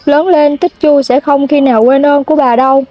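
A woman's voice: high voice, fairly even intonation, moderate pace, lightly acted. Young woman reading as a kindly villager. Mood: admiring. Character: kindly villager praising the grandmother. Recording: dull lo-fi sound.

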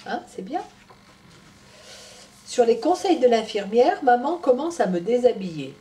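A woman teacher reads a children's story aloud in a lively, sing-song voice that rises and falls a lot. She stops now and then to explain things to the little ones. The voice is picked up from a distance. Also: on the high side, unhurried. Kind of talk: reading a picture book aloud to young children. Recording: voice from a distance off the mic.

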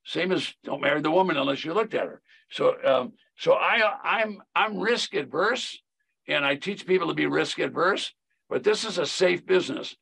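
A man's voice: a little high, gravelly, sharp tone, breathy edge. An older man explaining real estate investing on a video call, folksy and emphatic with a lot of repetition. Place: home office.

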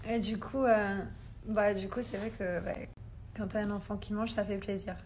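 A woman's voice: mid-range voice, fairly even intonation, normal speed, a little mellow, a little hiss or hum. A young mother chatting casually to her followers in a phone story, rambling with lots of fillers.

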